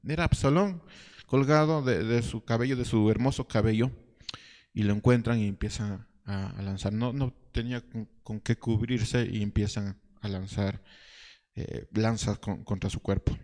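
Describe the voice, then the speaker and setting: A man preaching a sermon as pastor, telling a story with rhetorical questions and halting restarts. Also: lowish voice, steady tone, a little mellow, in a large hall. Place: church hall.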